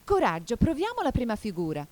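The Mock Turtle, as a woman reader puts it on, a weepy, mournful sea creature with a much higher, strained voice than her own and a strange, altered tone. It swings between tearful sighs and shrill excitement in an audiobook telling. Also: brisk. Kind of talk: audiobook character voice.

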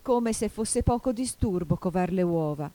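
A woman voicing a distraught male pigeon in a storybook reading, shrill, wailing and accusing. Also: animated, moderate pace, mellow, close to an everyday voice. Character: frantic male pigeon guarding eggs, shrill and suspicious.

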